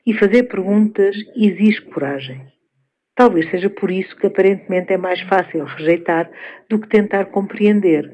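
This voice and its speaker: A woman with a European Portuguese accent, giving a measured, thoughtful spoken essay with frequent pauses. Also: fairly low pitch, warm tone, lo-fi sound.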